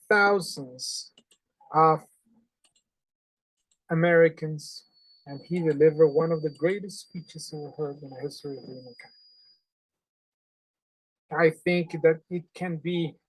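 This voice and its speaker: Casting: man in his forties from Honduras, teacher, earnest and animated, close dry webcam sound. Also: on the high side, dry recording, poor audio. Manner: earnest, animated, with non-native phrasing. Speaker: English teacher. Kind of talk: online class lesson. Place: small indoor room at home. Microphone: webcam on a video call.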